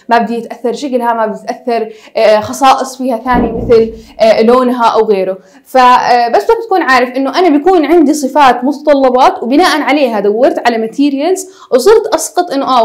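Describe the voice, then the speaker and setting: A young woman gives a casual university lecture, mixing in English technical terms and pausing often on hesitation sounds. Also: a little high, a little mellow. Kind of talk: recorded lecture.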